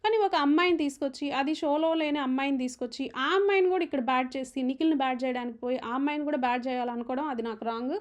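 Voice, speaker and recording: A woman giving an opinionated, emphatic recap of a reality show argument. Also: sits high. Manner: fast, animated, emphatic, retelling arguments.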